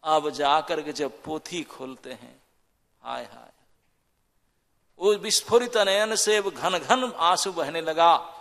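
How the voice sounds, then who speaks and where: Animated man telling a devotional story. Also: a little high, slow, long pauses, long reverb tail. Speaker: monk preacher. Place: temple hall.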